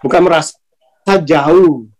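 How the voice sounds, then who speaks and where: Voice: mid-range voice, measured pace, a little mellow, low-quality recording. Chatty speaker laughing through spiritual talk. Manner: chatty and informal, often laughing between points; colloquial, with many tag words at sentence ends.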